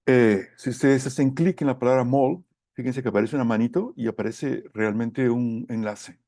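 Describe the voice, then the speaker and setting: Creaky-voiced man lecturing, halting and mellow. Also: medium pitch, dry recording, clean studio sound. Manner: hesitant, halting, searching for words. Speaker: course lecturer. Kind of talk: technical lecture, explaining slides.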